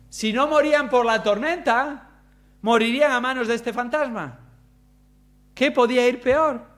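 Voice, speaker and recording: A man preaching a sermon, expressive, using rhetorical questions and shifting pace for emphasis. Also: sits high.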